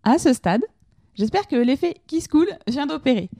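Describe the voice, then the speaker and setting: A woman's voice: high voice, animated, normal speed, dark tone, no echo. Woman explaining in a dry close voice. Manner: conversational, addresses listeners directly with questions. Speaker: podcast host teaching lean management. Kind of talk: informal explanatory lesson.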